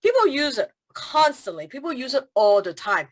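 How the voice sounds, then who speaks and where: Speaking at a normal speed in a high-pitched voice, this feng shui consultant from Hong Kong chats as a guest over video. Her casual interview stories come alive with quoted voices and plenty of laughter.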